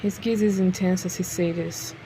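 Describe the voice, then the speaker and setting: A woman's voice: lowish voice, fairly even intonation, moderate pace, background noise. Woman reading a game aloud with asides. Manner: reads narration, breaks off to joke and laugh. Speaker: game streamer. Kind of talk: reading a visual novel aloud with commentary. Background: game music.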